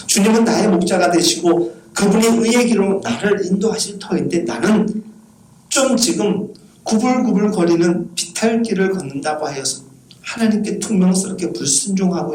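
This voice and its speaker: A man pastor gives a Sunday sermon, speaking softly and earnestly and often turning to questions for his listeners. His voice sits a little high for a man. The recording rings in a roomy space, with faint noise underneath. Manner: soft, earnest preaching with rhetorical questions.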